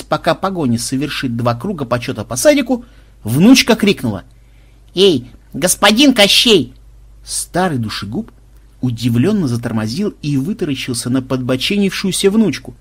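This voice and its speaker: A man narrating an audiobook in a lively, expressive reading. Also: on the high side, husky. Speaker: audiobook reader.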